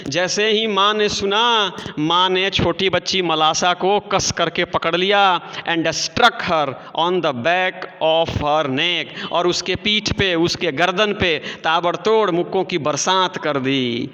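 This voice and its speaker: A man's voice: high-pitched, bright, forceful tone, smooth. A male teacher explaining a story line by line to his students, speaking to them directly. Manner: slow, explanatory, addresses children directly. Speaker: English teacher. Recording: dull lo-fi audio with long reverb.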